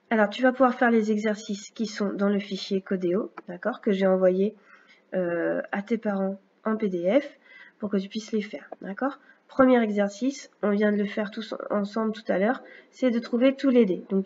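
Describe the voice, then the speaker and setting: A woman teacher giving a recorded phonics lesson, speaking slowly and clearly with patient explanations for a young child. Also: medium pitch, darkish tone, muffled recording. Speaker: first-grade teacher.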